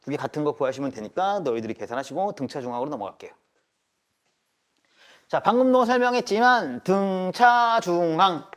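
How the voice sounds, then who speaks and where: Speaking at normal speed with lively intonation, a man with a slightly high voice runs a live math lesson. He poses rhetorical questions, drills the class with a firm "알겠습니까?" ("got it?"), and mixes polite wording with casual banter.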